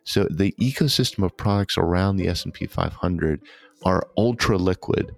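A man's voice: low-pitched, creaky. A man speaking as an expert guest, explaining in an interview style.

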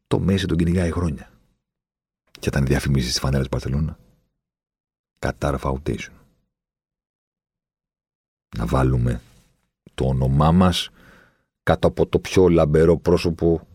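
Man, football podcast host, very low voice, husky, indignant rant, dry close sound. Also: no room sound. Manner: indignant, rising to loud heated emphasis; addresses listeners as "guys". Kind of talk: opinionated football commentary monologue.

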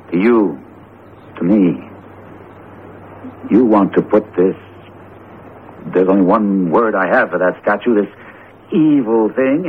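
In a vintage radio drama, an actor with a natural, low voice plays an earnest man: a jumpy yet determined male teacher confronting a cursed statue. The recording is a tinny, narrowband, noisy old radio broadcast.

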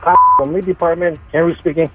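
A man's voice: on the high side, flat delivery, a little fast, over loud music. A man working at a shop who answers the phone politely and grows firm when he is insulted. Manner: polite customer-service tone, growing firm. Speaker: prank call target, butcher shop worker. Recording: muffled phone line.

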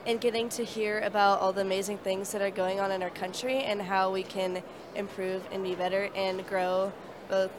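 A woman's voice: medium pitch, flat delivery, normal speed, crowd noise. A young woman from California giving earnest, casual interview answers in long run-on sentences.

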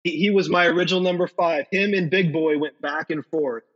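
A man co-hosting a casual movie podcast, making quick dry remarks. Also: a little high, fairly even intonation, fairly bright tone. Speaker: podcast co-host. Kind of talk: casual movie-list chat. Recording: dull lo-fi recording in a reverberant room.

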